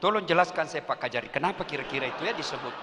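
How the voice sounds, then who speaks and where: A man's voice: fairly high pitch, rapid-fire, background noise. A male preacher giving a comic sermon in a large hall, joking and speaking straight to the crowd, heard with a long reverb and faint ambience. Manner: animated, joking, addressing the crowd directly.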